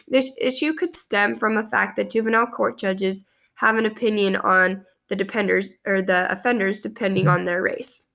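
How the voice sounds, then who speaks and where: Reading a class post aloud, this student speaks close to her webcam in a small room, earnest despite a stuffy cold. She's in her twenties, and her mid-range voice comes across gravelly, bright and forceful.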